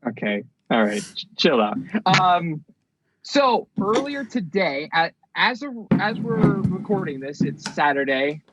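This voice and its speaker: A man's voice: fairly high pitch, big pitch swings, unhurried, fairly bright tone, breathy edge. A man co-hosting a podcast, dry and laid-back, keeping the show on track in casual chat. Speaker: podcast co-host. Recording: dry, slightly dull lo-fi audio.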